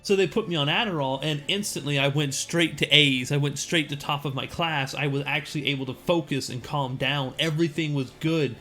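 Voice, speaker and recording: A man's voice: fairly high pitch, brisk, few pauses, bright, forceful tone, faint music behind. A man streaming a game and chatting casually, rambling with frequent restarts. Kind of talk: casual chat while gaming.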